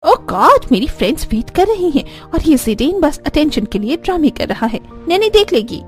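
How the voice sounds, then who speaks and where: A woman's voice: sits high, very animated, moderate pace, faint music behind. A woman voicing a spoiled, careless rich young mother who talks in a dismissive, whiny way.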